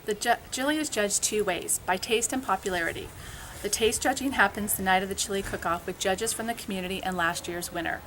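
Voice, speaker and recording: A woman's voice: medium pitch, a bit bright, a little hiss or hum. A woman co-chairing a school fundraiser, reading a friendly scripted announcement. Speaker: event co-chair.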